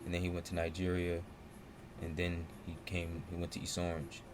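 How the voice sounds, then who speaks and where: Young dude on a podcast, real deep voice, chill slangy storytelling, noisy room. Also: male voice, completely flat delivery, moderate pace. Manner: laid-back slang-heavy storytelling. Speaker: podcast co-host. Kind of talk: casual podcast chat.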